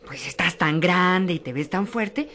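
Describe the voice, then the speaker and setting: A woman playing an expressive, worried hiker lost in the woods in a children's audio drama. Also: fairly low pitch, a little slow, noisy background, close to an everyday voice. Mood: curious.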